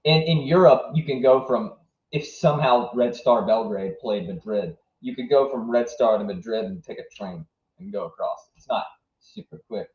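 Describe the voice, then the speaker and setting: At a moderate pace, a mid-range and slightly mellow voice belongs to a young livestream host from southwest Virginia, reacting to a match live. He thinks out loud and replies to chat casually. A dull, echoey room colors the sound.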